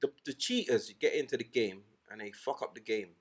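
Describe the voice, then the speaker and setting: A man co-hosting a casual podcast chat, animated and emphatic, often swearing. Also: medium pitch, brisk, slightly rough. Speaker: podcast co-host.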